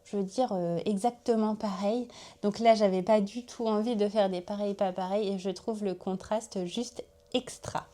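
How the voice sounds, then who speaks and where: A woman's voice: medium pitch, fairly even intonation, moderate pace, warm tone. A woman hosting a knitting podcast, talking casually and chattily to her viewers, often laughing at herself. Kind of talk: casual chat to camera.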